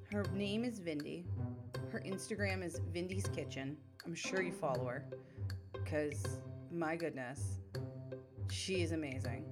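A woman hosting an interview show, gushing and enthusiastic, talking in quick bursts full of "like". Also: low voice. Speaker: podcast host. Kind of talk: casual interview.

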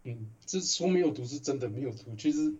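A man's voice: medium pitch, expressive, brisk, crowd noise. A man, co-hosting a podcast in casual chat, mostly giving short agreeing replies. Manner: brief agreeing replies, laughs easily. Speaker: podcast co-host. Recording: slightly muffled audio.

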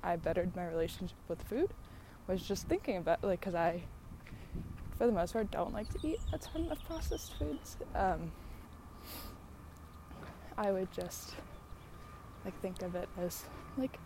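American woman chatting amid clear traffic noise. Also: lowish voice, animated, a little slow, long pauses. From San Diego, United States. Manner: musing and effusive, laughs easily. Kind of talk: casual rambling solo chat. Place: outdoors on a walk near traffic. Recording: outdoor traffic noise, passing vehicles. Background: passing trucks and ambient noise.

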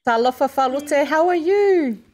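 A woman's voice: high-pitched, lively intonation, a little slow, a little mellow. A woman co-hosting a live podcast in a casual chatting style. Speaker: podcast co-host. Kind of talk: casual live show chat.

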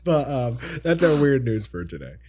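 A man's voice: mid-range voice, normal speed, a little hiss or hum. A man hosting a podcast, telling odd news in a chatty way over a voice call. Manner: lively, chatty storytelling with laughs. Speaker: podcast host. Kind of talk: casual chat on a call.

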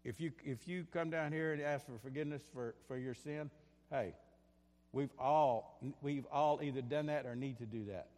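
Impassioned preacher in a church hall. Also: male voice, mid-range voice, normal speed, darkish tone. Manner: impassioned, rising and falling in bursts, repeats phrases. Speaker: pastor. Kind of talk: sermon. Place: church sanctuary.

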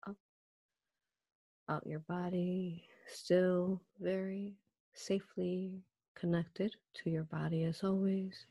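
Speaking on the low side, a woman soothes listeners through a guided meditation, her voice soft and breathy. Phrases stretch out and return again and again, and there's no echo.

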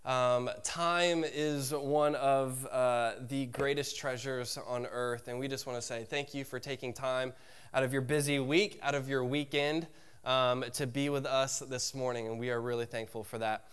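A man's voice: mid-range voice, fairly even intonation, a little slow, a bit bright, clean tone. A young man preaching a casual sermon as lead pastor, congested, acting out everyday dialogue. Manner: casual, conversational preaching with playful acted-out dialogue.

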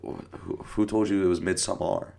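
A man's voice: sits low, fairly even intonation, normal speed, gravelly, mellow. A man co-hosting a podcast in casual chat, ranting with lots of swearing. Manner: profane ranting, mock-emotional. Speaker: podcast co-host.

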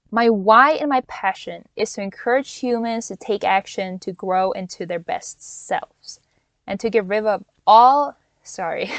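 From inside a van, a Norwegian-born woman in her twenties hosts a solo coaching podcast as a life coach. She talks earnestly and encouragingly, with small restarts and laughs. Her mid-range voice comes through with no room sound.

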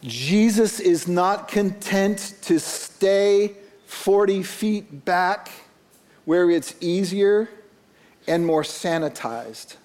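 A male pastor preaching at an unhurried, deliberate pace. His voice sits a little above the usual male pitch. He swings between hushed, quiet stretches and emphatic lifts on key phrases. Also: long reverb tail. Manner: slow and deliberate, dropping soft then rising emphatic. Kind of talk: sermon.

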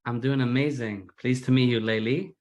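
This English musician chats as an interview guest in a Manchester accent tinged with American. He speaks at normal speed in a medium-pitched, darkish, steady voice, running himself down and frequently repeating words.

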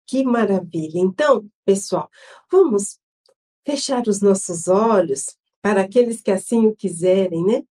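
A Brazilian woman hosting an online Spiritist gospel study, leading an opening prayer and reading a devotional text in a solemn, measured way. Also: medium pitch, animated, warm tone. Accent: Brazilian Portuguese. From Brazil, São Paulo state.

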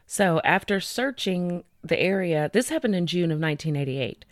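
Speaking on the low side with lively intonation, this woman co-hosts a true-crime podcast and talks through cases in a chatty, conversational way. Fillers pepper her speech, she reads details slowly, and the studio-quality audio has no echo.

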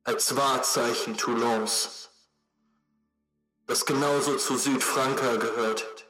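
A man puts on a grave male rebel leader calling his city to arms over a crackling radio set in a tabletop game. He speaks with slow, measured oratory. The voice rings with a roomy echo, and soft music plays underneath. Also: mid-range voice. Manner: solemn, rousing, slow oratory. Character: male resistance leader giving a rousing radio speech. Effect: voice heard over a radio set. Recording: echoey with faint music behind.

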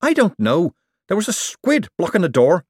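A man's voice: high voice, huge pitch swings, normal speed, slightly rough, no echo, studio quality, pitched above the performer's own voice, heavily acted. Man doing a fiery, demanding young woman. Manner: sharp and insistent.

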